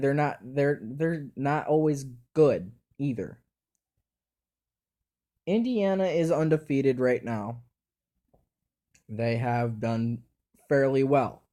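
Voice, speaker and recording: A man with a mellow, darker tone at an ordinary middle pitch, talking through his football picks in a casual, unscripted way. He thinks aloud as he goes, hesitating, repeating words and restarting his sentences. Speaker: sports predictions host.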